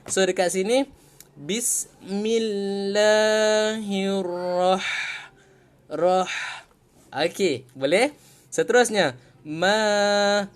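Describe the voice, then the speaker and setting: A man with a Malaysian Malay accent teaching Quran reading in a casual online lesson, patient and repeating each point, slowing down to recite examples. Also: high voice.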